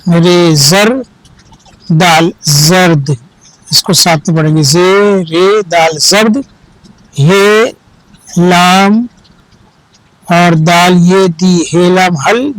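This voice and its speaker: A man's voice: sits high, fairly even intonation, drawn-out words, pauses often, no echo, low-quality recording. A man teaching children to read Urdu, spelling out each word letter by letter, repeating it and correcting common misreadings. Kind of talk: slow spelled-out reading lesson for children.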